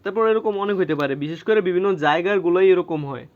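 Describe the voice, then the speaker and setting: A man's voice: high-pitched, rapid-fire, highs cut off. A man teaching English grammar, explaining patiently and checking in with rhetorical questions. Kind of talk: explaining grammar lesson to students.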